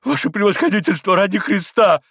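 A man reading aloud and voicing a desperate, pleading poor captain with a high, breaking voice. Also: animated, brisk, creaky, a bit bright, breathy edge, no room sound, studio quality, heavily acted. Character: desperate poor middle-aged retired army captain.

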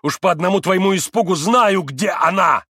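A man playing a wild desperate young man, shouting. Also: high voice, moderate pace, slightly rough, no room sound, studio quality, voice pushed up, heavily acted. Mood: furious. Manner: loud, raised, shouting.

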